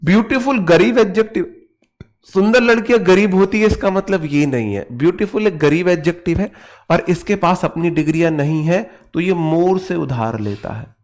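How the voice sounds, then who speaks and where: A man's voice: high voice, moderate pace. A young man with a North Indian Hindi accent teaching English grammar in an online class, joking with and playfully scolding his students as he drills words.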